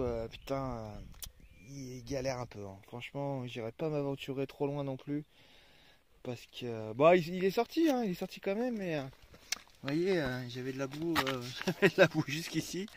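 A French vlogger with a medium-pitched voice chats casually from a farm and his van, rambling with lots of fillers and restarts. He has just woken up and is groggy before his coffee, and the background is noisy.

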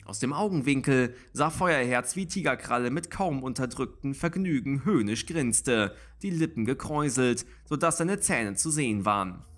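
A man reading a story aloud in a steady, expressive narration. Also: medium pitch, moderate pace, hardly any pauses. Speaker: audiobook reader.

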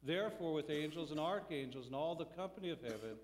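A man leading a church service in solemn, measured liturgical prayer, his voice ringing with cathedral-like echo. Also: fairly high pitch, expressive. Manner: measured, solemn, phrase-by-phrase delivery. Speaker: pastor leading worship. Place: church sanctuary during a service. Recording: long church reverb, voice from a distance.

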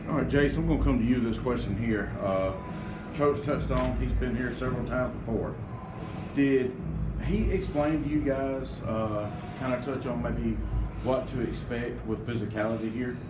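A man asking questions at a post-game press conference, taking the long way round to each one. His voice sits at a middle pitch and sounds off-mic in an echoey room, with loud noise underneath. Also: normal speed. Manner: chatty, rambling lead-ins to questions. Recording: roomy distant sound with loud background noise.

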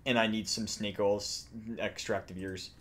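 Sitting in a small room at home, a young man makes reaction videos about game voice lines, joking around with exaggerated, casual commentary and lots of swearing. His voice runs low and fairly bright, with a flat delivery at a moderate pace.

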